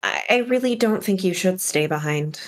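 A woman's voice: lowish voice, expressive, normal speed. A woman playing a tabletop game, chatting casually and making dry, wry remarks. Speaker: player. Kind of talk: casual tabletop play chat.

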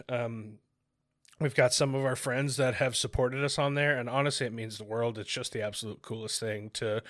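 A man's voice: mid-range voice, a bit bright, no echo. Casual man hosting a podcast, dry close sound. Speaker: podcast host.

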